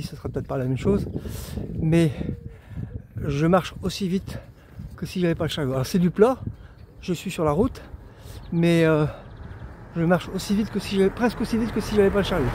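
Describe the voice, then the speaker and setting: A man's voice: a little high, background noise. A tired man vlogging as he walks outdoors, chatty and self-mocking, talking to his camera. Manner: chatty, rambling, talks to himself, self-mocking. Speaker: vlogger walking a pilgrimage route. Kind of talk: casual self-filmed walking vlog. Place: outdoors on a road and path. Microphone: handheld camera while walking.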